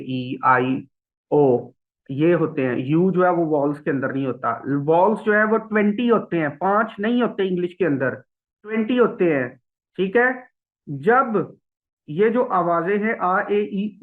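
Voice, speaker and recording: A man teaching an English test class, explaining slowly and repeating words for students to copy. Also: high-pitched. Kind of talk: classroom lecture. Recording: phone-like thin sound.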